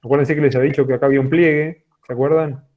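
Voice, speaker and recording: A man's voice: mid-range voice, fairly even intonation, very fast. Man teaching over a tinny call. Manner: explanatory, keeps checking in with a questioning "sí". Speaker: geology teacher. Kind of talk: online class lecture. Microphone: computer microphone on a video call. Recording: tinny phone-like online call audio.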